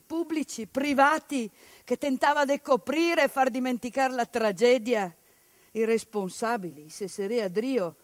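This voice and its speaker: Speaking at a fairly high pitch with no room sound, a stage actress performs a passionate theatrical monologue. Her delivery stacks up rhetorical lists before sinking into quiet bitterness.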